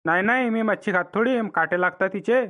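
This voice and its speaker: A man's voice: sits high, fast talker, sharp tone. A man voicing a cheeky village son-in-law. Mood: stubborn. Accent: rural Vidarbha Marathi. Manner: bickering, stubborn and cheeky. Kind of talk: cartoon comedy voice acting.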